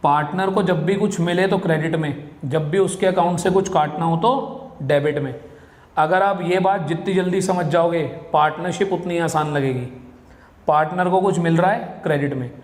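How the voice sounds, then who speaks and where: A man's voice: on the high side, moderate pace. Male teacher lecturing in an echoey classroom. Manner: addresses students as "beta", asks the class questions. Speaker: commerce teacher. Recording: echoey classroom with long reverb.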